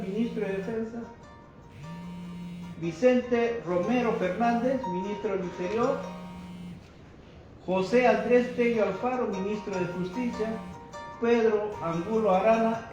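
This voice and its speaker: Man, high-pitched, measured denouncing press statement; boomy, muffled room. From Peru. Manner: deliberate, denouncing, addresses listeners as brothers. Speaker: activist speaking at a press conference. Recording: echoey muffled room with faint noise.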